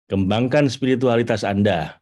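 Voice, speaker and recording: A middle-aged man giving a lively spiritual teaching talk to an audience, jumping to high excited bursts and slowing down to read quotes. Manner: animated, rising to high excited bursts, reads quotes slowly. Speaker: spiritual trainer.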